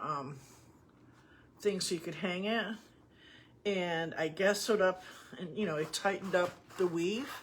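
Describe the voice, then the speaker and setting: A woman's voice: lowish voice, a bit bright, a little hiss or hum. A woman giving a casual painting tutorial, talking in a rambling, folksy way with lots of asides. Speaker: painting teacher.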